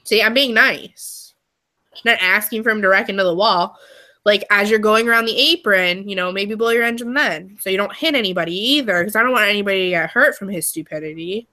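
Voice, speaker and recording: A woman's voice: mid-range voice, fairly quick, bright, forceful tone. A young woman co-hosting a podcast, chatting casually and emphatically with lots of fillers. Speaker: podcast co-host. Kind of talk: casual chat.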